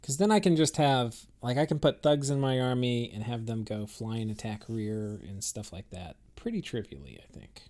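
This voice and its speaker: A man's voice: medium pitch, expressive, normal speed, hardly any pauses, a little mellow. A man giving casual, rambling commentary on a strategy game he is playing, thinking aloud with many fillers and restarts. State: has the hiccups.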